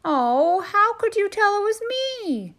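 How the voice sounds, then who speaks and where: A woman voicing an anxious, desperate male turkey who gobbles and pleads in a squeaky voice. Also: very animated, takes it slowly, fairly bright tone, full character voice. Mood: pleading.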